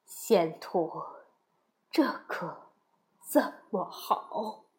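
Timid frightened monk for a storybook, played by a woman; soft and shaky. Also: expressive, very slow. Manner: soft, low and trembling. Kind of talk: children's storybook voice acting.

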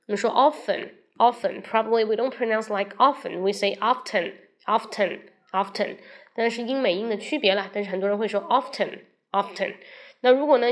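A Chinese woman with a medium-pitched voice runs a relaxed English lesson on a livestream, chatting with her viewers. She switches between Chinese and English and says words slowly, repeating them to show their pronunciation. Speaking directly to her audience, she invites them to ask questions.

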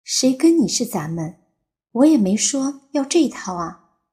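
A woman's voice: high voice, very animated, a little slow, mellow, pitched above the performer's own voice. A woman voicing a bold young woman psychologist who is blunt and demanding, speaking curtly and firmly in an audiobook. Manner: curt, firm and cutting. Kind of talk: audiobook character voice.

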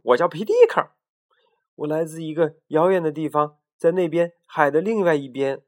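A man's voice: a little high, steady tone, normal speed, close to an everyday voice. A man voicing a friendly, proud young red rooster in a bedtime storybook reading, cheerful and welcoming.

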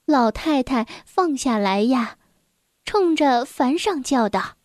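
A woman reading a children's storybook aloud in a gentle, unhurried storytelling manner. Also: high voice, lively intonation, no room sound, clean studio sound.

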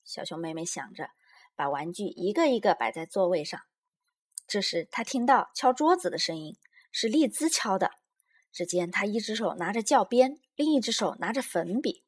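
A woman narrating a children's story, addressing young listeners in a gentle, measured way. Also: mid-range voice, lively intonation, breathy edge.

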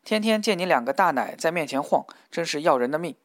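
A man's voice: on the high side, lively intonation, fast talker, fairly bright tone, dry recording, studio quality. A man reading a novel aloud, voicing a crude, pushy middle-aged male worker who talks in a grinning, wheedling way. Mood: leering.

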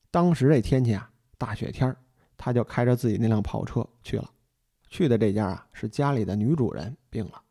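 A man's voice: medium pitch, vocal fry, warm tone. A man retelling a mystery novel in a chatty, folksy storytelling style, speaking straight to the listener. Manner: chatty, addresses the listener directly, folksy asides. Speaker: book storyteller.

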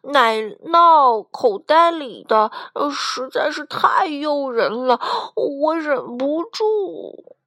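A woman voicing a greedy young chick who mumbles slowly. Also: sits high, sing-song, gravelly, a bit bright, voice pushed up, full character voice. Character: greedy chubby chick who loves cheese.

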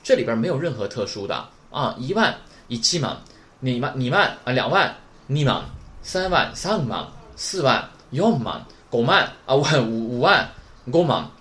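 A man's voice: mid-range voice, big pitch swings, measured pace, fairly bright tone. A man teaching beginners Japanese numbers in a recorded lesson, drilling each word and constantly checking in with "right?".

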